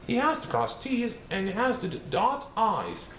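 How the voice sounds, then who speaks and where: A man's voice: high-pitched, wildly swooping pitch, normal speed, a bit bright, exaggerated voice. A man voicing a playful, mischievous male cartoon cat, reading a rhyming storybook in a sing-song, bouncy way. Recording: roomy echo, faint hiss.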